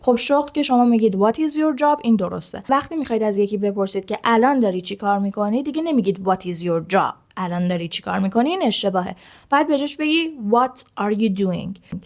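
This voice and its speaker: A woman teaching an online English lesson, asking the viewers rhetorical questions and saying each English example sentence slowly and carefully. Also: medium pitch, animated, darkish tone.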